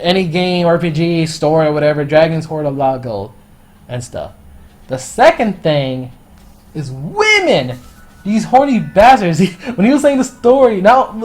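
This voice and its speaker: A man casually reviewing a story in a rambling, profane, excitable way. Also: on the high side. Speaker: anime and manga reviewer.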